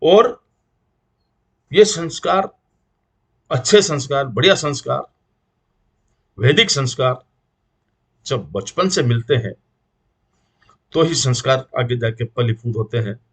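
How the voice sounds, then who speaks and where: A middle-aged man speaks with a Rajasthani Hindi accent in a voice of ordinary pitch. He preaches earnestly to his community, building his points through rhythmic lists of repeated phrases. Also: animated, measured pace, pauses often, slightly rough. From India. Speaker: guest speaker. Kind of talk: earnest public appeal.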